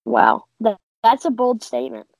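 A woman's voice: a little high, sing-song, normal speed, darkish tone, dry recording, low-quality recording. A woman co-hosting a casual sports chat, giving confident, opinionated picks. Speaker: podcast co-host.

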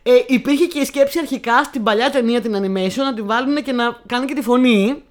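A young woman co-hosting a casual film chat, talking in a chatty, hesitant way with many fillers. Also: fairly high pitch. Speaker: co-host.

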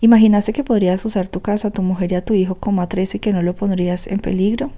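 A woman's voice: medium pitch, fast, natural voice. Woman reading as a cold, mocking man. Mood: coolly analytical. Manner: calm, mocking, clinical. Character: cold, taunting male psychoanalyst out for revenge.

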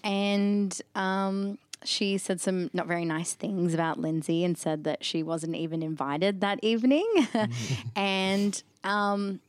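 A woman's voice: mid-range voice, slow pace, clean tone, no room sound. A woman from northern New South Wales with an Australian accent, co-hosting a casual chat and rambling with lots of ums and restarts. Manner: chatty, self-mocking, many ums and restarts. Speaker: podcast co-host.

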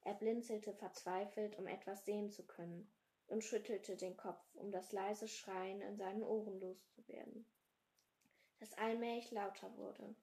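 A woman reads a fantasy book aloud, taking her time and keeping her voice hushed and low-key. Her tone is dark and mellow, with a slow, deliberate pace. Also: steady tone. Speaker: podcast host reading aloud. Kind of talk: slow dramatic read-aloud.

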